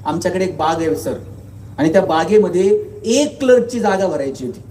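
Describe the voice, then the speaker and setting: A man's voice: high voice, expressive, a little fast, dark tone. A man giving a motivational speech at a school function, telling humorous anecdotes and firing rhetorical questions at the audience. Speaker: guest speaker. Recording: echoey hall, voice from far off, faint noise.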